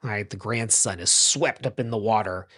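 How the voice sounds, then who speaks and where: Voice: medium pitch, moderate pace, bright, forceful tone. A rabbi giving an informal class, talking loosely and correcting themself often. Tells a joke, then stops to explain it, with lots of filler words between the points. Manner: loose and chatty, many ums and self-corrections; tells jokes and explains them. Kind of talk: casual teaching talk.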